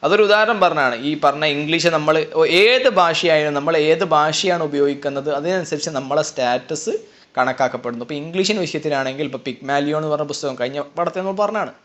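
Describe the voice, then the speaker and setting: A male tutor talks through a lesson at a rapid clip. His voice sits a little high and sounds bright and pushed forward. He keeps a chatty, explaining manner and mixes terms into his talk. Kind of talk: lecture explaining slides.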